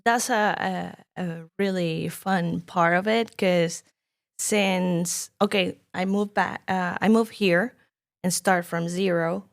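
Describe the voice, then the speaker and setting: Gravelly-voiced Venezuelan woman guest. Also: lowish voice, steady tone, slow pace. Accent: Venezuelan Spanish. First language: Spanish. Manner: chatty storyteller, many fillers and laughs. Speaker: guest filmmaker. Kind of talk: casual podcast chat. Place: podcast studio room.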